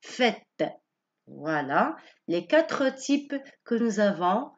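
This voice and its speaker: A woman giving a patient grammar lesson, explaining each point slowly and rephrasing it several times. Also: mid-range voice, big pitch swings, muffled recording. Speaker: teacher.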